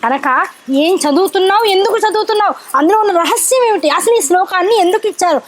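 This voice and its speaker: A woman giving a devotional discourse who chants Sanskrit verses slowly, then explains them in lively conversational speech with rhetorical questions to the listeners. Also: extremely high pitch. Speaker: religious discourse speaker.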